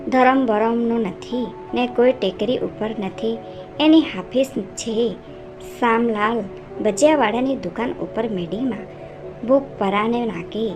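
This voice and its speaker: A woman reading the lines of a friendly, lame former railway worker in a storybook narration, plain and helpful. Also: a little high. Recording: narration over music.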